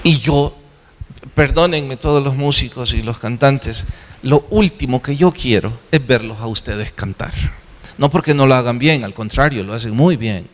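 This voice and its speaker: A pastor with a mid-range voice preaches at normal speed in a church sanctuary, earnest and exhorting. He often asks questions and answers them himself, and the recording carries a long hall reverb.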